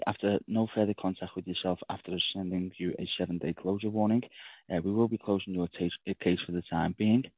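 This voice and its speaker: A man's voice: deep voice, dry recording. A man from a law firm leaving a formal business voicemail over a landline phone, reading a scripted message with hesitant fillers and restarts. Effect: heard over a landline phone. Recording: tinny dry phone-line recording.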